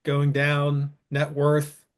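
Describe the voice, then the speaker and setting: A man's voice: fairly high pitch, completely flat delivery, very slow. A man in his thirties, co-hosting a podcast in casual chat, rambling and enthusiastic with frequent restarts. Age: 30s. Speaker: podcast co-host.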